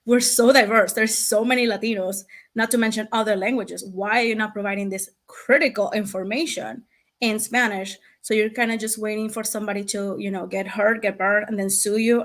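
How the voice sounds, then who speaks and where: An animated woman in her thirties, from Venezuela, speaks as a guest in a casual interview. She talks quickly in a medium voice and tells her story with energy, breaking into laughter here and there. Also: medium pitch. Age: 30s. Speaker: guest, founder of a language access business.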